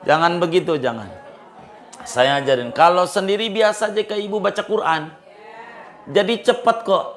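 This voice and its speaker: A middle-aged man, a cleric giving informal religious advice, repeating phrases for emphasis and jumping in pitch. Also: moderate pace. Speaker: Islamic cleric.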